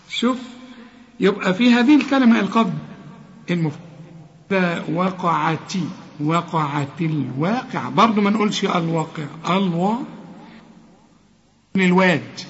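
Egyptian man, recitation teacher, high voice, dull lo-fi recording with long reverb. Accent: Egyptian Arabic. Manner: corrects pronunciation, repeats sounds slowly, chants verses. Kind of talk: tajweed lesson with recited examples.

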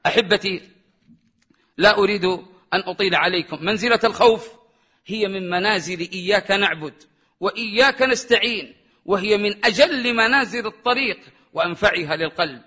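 A man's voice: a little fast, pushed and bright, slightly rough. A man preaching a religious sermon with passion, chanting scripture verses in a melodic voice. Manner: impassioned, rising pitch on questions, chants verses.

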